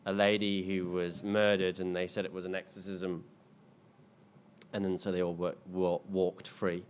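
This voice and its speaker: Speaking at a moderate pace in a low-pitched voice with little pitch movement, a man in his thirties fields audience questions as a filmmaker at an indoor screening. His casual Q&A answers ramble, full of ums and restarts, over a little hiss or hum.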